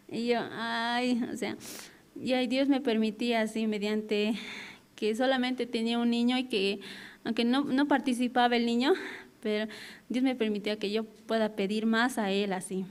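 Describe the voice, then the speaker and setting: A woman giving a personal testimony at a prayer service, speaking hesitantly and haltingly with many repeated fillers. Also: fairly high pitch, clean tone. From Bolivia. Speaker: church member giving testimony.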